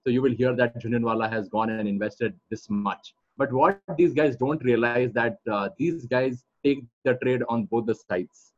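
A man's voice: medium pitch, normal speed, few pauses. A man with an Indian accent explaining things as a coach in an interview, repeating phrases for emphasis. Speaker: trading coach being interviewed. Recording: dull, lo-fi audio.

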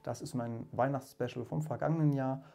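A man reading a classic story aloud in a calm, measured way, then talking to his viewers. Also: mid-range voice, gravelly. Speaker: reader and channel host. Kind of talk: audiobook reading.

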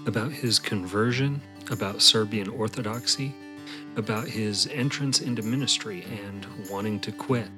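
Male podcast host, lowish voice, interviewing, with guitar music around his introductions.

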